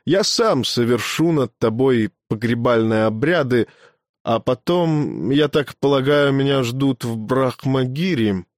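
A cold, ruthless brahmin speaks in an even, grating voice, as a man puts him on. He is unhurried and never raises his tone. The recording is close and dry, at a middling male pitch. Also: dry recording, close to an everyday voice. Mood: calm resolve.

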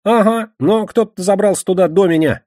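A man reading an audiobook voices an excitable, defensive young man in a high, nervous register. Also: normal speed, no echo, clean studio sound, close to an everyday voice. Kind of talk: audiobook character voice.

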